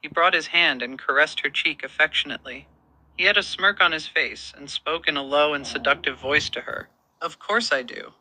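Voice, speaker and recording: A man reading a romance story as narrator, in an even, steady storytelling manner. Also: a little high, fairly quick, poor audio.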